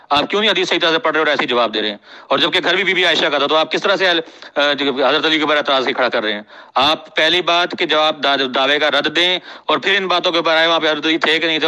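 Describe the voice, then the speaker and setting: A man delivers a recorded debate reply, pressing the same challenge again and again. His voice is fairly high and strikingly bright and cutting. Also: low-quality recording. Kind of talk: recorded religious debate message.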